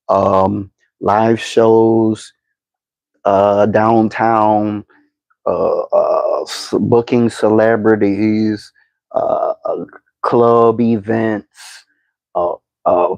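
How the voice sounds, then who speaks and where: A man in his fifties, a podcast host giving slow, deliberate motivational advice, with frequent fillers and repeated words. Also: on the low side, a little mellow, no room sound, poor audio. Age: 50s. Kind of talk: motivational talk to camera.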